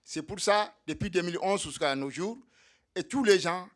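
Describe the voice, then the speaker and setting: A man with a pretty high voice, speaking at a moderate pace, gives a militant rally speech for undocumented migrants. At this solidarity evening in a meeting hall, he keeps repeating things to get his comrades going.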